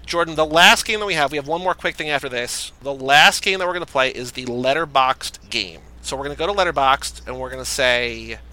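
A man hosts a loose movie-chat podcast, spinning jokey, rambling predictions at a quick clip. His voice is bright, with a middle pitch. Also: rough recording. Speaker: podcast host. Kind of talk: casual chat.

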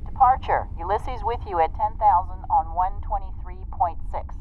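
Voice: medium pitch, normal speed, faint music behind. An actor as a pilot on a tinny cockpit headset. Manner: clipped radio procedure talk, reads back calls. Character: calm, businesslike starship pilot. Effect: pilot talking over a cockpit headset radio. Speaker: spaceship pilot. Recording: tinny headset radio with faint engine noise.

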